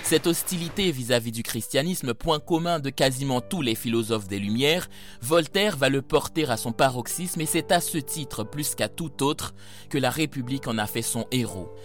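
A male narrator delivers scripted documentary narration in a medium-pitched voice. Soft music plays faintly underneath. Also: lively intonation, normal speed.

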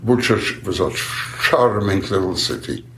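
Slow gravelly man in his nineties. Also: deep voice, expressive, fairly bright tone, echoey room, slight background noise. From Galicia, then Poland, now Ukraine. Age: 90s. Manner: halting, repeats words while searching. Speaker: interviewee, survivor. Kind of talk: slow unhurried answers in an interview.

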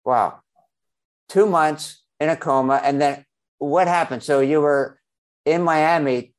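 A man with a fairly high voice speaks slowly while hosting an interview podcast. He asks his questions hesitantly, filling them with lots of fillers.

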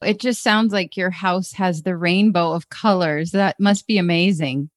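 A woman's voice: fairly low pitch, no echo. Upbeat woman interviewer, dry sound. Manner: encouraging, upbeat, quick to praise. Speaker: interviewer host. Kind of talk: friendly interview chat.

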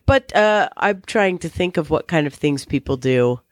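Relaxed, reflective podcast co-host. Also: medium pitch, normal speed, no room sound, studio quality. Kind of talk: casual chat.

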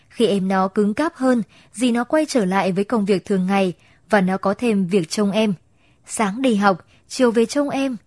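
A woman reads a short story aloud in a gentle, even manner. Her voice sits at a middle pitch and is recorded dry and close, without any room echo. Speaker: narrator. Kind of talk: scripted story narration.

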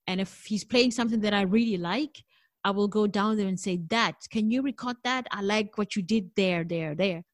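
A jazz singer being interviewed conversationally, this middle-aged South African woman speaks English as a second language and sounds reflective and open, laughing often. The recording is clean studio sound with no room sound, and she uses a mid-range voice at normal speed.

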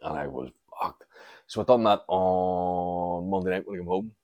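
A man's voice: deep voice, normal speed, darkish tone, no room sound, dull audio. A man, chatting casually and candidly as a podcast host, rambling and swearing freely. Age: 40s. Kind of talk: casual solo chat.

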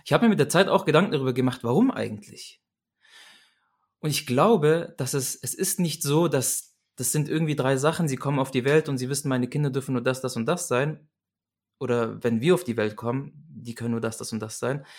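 A young man in an interview talking candidly about his own life. His delivery is earnest and searching, with frequent restarts and repetitions as he works his way toward what he means. His voice sits at a middle pitch. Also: a little fast. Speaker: guest. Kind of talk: candid personal storytelling.

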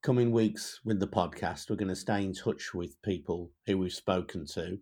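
A man hosting a podcast interview, asking gentle, measured questions. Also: low voice, husky. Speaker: podcast host.

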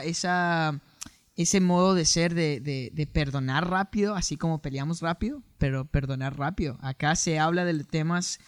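A man co-hosting a podcast, chatting casually with many hesitant fillers and quick laughs. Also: a little high, smooth, no room sound. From born in Puerto Rico, Chilean parents. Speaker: podcast co-host. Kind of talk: casual chat.

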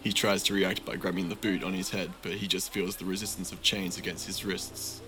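A deep-voiced man narrates a grim fantasy scene as game master, with slow, measured, vivid storytelling. His tone is bright and forceful, and faint music plays behind him. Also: flat delivery.

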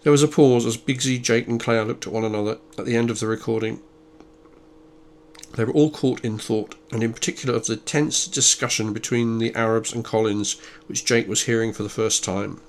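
A man reading a thriller as scripted narration, measured and even, lightly voicing the dialogue. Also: mid-range voice, slight background noise. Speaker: audiobook narrator.

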